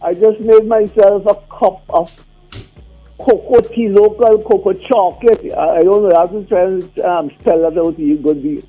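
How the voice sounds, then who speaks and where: A man's voice: high voice, normal speed. A man with a Vincentian accent calling in to radio, chatting casually in a rambling, teasing way full of questions. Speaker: radio phone-in caller. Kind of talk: casual opinionated chat. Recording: muffled radio phone-in with music.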